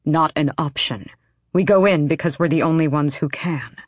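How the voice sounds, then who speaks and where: A woman reading an audiobook, voicing a curt, gruff young male rebel leader in low, quiet tones. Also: normal speed, no echo, clean studio sound. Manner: curt, terse commands.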